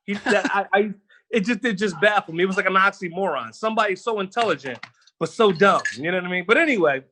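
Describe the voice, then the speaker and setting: High, bright-voiced man telling stories. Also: quick pace. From Philadelphia. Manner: animated, laughing storyteller who swears freely. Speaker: guest, rapper. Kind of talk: casual storytelling interview. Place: home kitchen while cooking.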